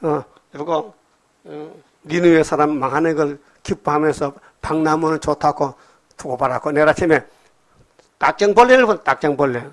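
A man delivers a sermon as a pastor, retelling the story with lively, animated energy. He keeps prodding his listeners with quick questions as he goes, and his voice sits somewhat high for a man.

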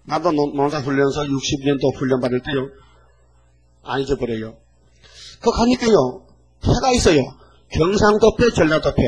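A man in his eighties giving a sermon as a pastor, talking in a folksy, animated way and often tossing rhetorical checks at the congregation. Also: a little high, normal speed, long pauses, a crowd in the background, poor audio.

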